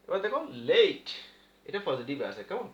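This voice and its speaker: A man's voice: high voice, very animated, moderate pace. Bengali guy teaching english grammar, voice jumps up and down a lot, kinda muffled echoey recording. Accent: Bangladeshi Bengali. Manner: repeats rules patiently, asks and answers his own questions. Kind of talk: classroom grammar lesson. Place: classroom with a board. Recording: echoey room, dull lo-fi sound.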